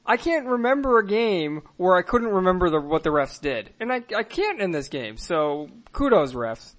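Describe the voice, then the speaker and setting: A man co-hosting a casual sports podcast, talking in an earnest, animated way. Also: sits high, normal speed. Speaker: podcast co-host.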